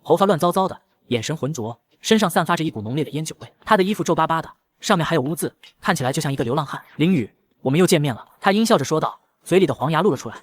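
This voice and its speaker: A man narrating a dramatic first-person story in a quick, scripted manner. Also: a little high, animated, no room sound.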